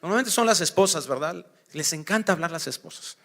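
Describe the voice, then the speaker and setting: A man preaching a sermon as pastor, acting out little scenes and swinging from hushed to loud. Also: fairly high pitch, fairly quick, gravelly. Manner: animated preaching, acts out dialogue, swings from hushed to shouting.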